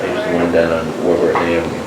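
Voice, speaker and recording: Man, low voice, rambling interviewee, old cassette tape recording, tape hiss, echoey room. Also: completely flat delivery, fast. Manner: meandering, heavy on "you know" and "like". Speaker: interviewee, former neighbor.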